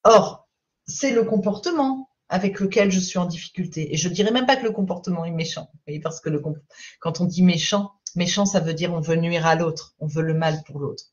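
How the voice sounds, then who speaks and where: A woman parenting coach giving a live-streamed talk. She explains calmly and patiently and keeps checking in with her viewers. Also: fairly low pitch, a little fast, highs cut off.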